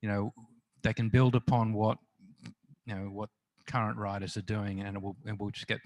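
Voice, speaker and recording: A middle-aged Australian crime novelist, interviewed at a festival, tells anecdotes in a chatty, self-deprecating manner full of restarts and fillers. His voice is lowish, level, and a little mellow, at normal speed.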